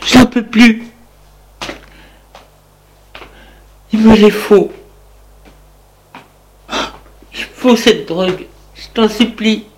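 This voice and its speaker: A man voicing a desperate young wife craving her drug, pleading in a raised, shrill voice. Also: unhurried, slight background noise. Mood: frantic.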